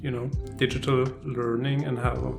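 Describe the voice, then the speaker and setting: A man co-hosts a casual podcast, talking readily and teasing his partner. He often stumbles over and restarts his words. Music plays clearly underneath the conversation. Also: medium pitch, level tone, normal speed. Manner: chatty and teasing, with restarts and stammers. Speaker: podcast co-host. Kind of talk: casual chat.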